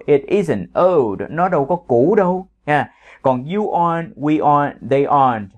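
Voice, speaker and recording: A man with a Vietnamese accent gives a chatty grammar lesson, his pitch rising and falling a lot. He drills English example sentences slowly and clearly between quick explanations. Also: a little mellow. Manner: chatty, with tag words like "ha" and "các bạn". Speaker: English teacher.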